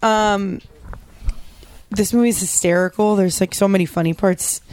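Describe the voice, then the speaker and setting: A woman's voice: mid-range voice, steady tone, normal speed, a little mellow. A young woman in casual podcast chat, chatty with many ums and likes.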